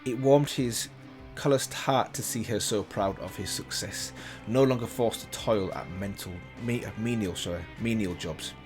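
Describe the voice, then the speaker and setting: An unhurried man with a fairly low voice reads a story over music in his reaction video. His reading is loose and conversational, full of slips and self-corrections, with running commentary.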